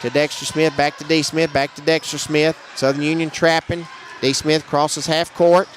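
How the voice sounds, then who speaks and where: Male play-by-play announcer, slightly high voice, brisk game calls, faint gym noise behind. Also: little pitch movement. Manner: brisk, matter-of-fact calls, raising his voice on big plays. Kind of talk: live basketball commentary.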